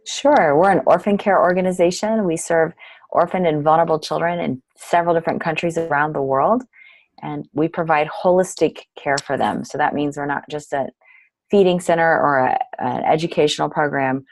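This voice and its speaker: Middle-aged woman telling her story, low gravelly voice, dry close sound. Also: moderate pace, dry recording, poor audio. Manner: warm, earnest storyteller. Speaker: interview guest, nonprofit director. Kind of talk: storytelling in an interview.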